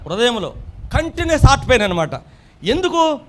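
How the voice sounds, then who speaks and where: A preacher, delivering a sermon. He builds into loud emphatic bursts and repeats his lines for weight. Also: very high voice, big pitch swings, brisk. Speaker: pastor.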